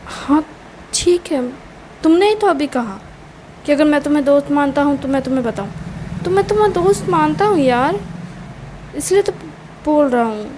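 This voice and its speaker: A woman's voice: high voice, steady tone, a little slow, pauses often, noisy background. A woman voicing a young man, the hero of a romantic story, who muses aloud in confusion and speaks to his friend curtly. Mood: pleading. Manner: muttering to himself, then curt and cold.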